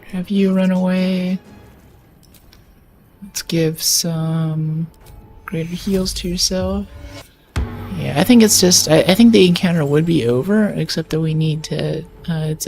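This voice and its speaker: A woman's voice: fairly low pitch, steady tone, unhurried, creaky, darkish tone, soft background music. A woman streamer talking casually through a video game, thinking aloud and chatty. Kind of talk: casual gameplay commentary.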